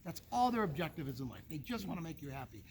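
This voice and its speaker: A man's voice: fairly high pitch, big pitch swings, fast, slight background noise. A man training dogs, explaining behavior to an owner in a folksy way, using homely analogies and checking in with "okay?". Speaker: dog trainer. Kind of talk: casual instruction to a dog owner.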